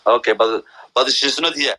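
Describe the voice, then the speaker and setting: A man from Somalia chatting on a video call, speaking halting, broken English and repeating his words. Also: medium pitch, sharp tone. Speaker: video chat caller. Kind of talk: casual video chat with strangers.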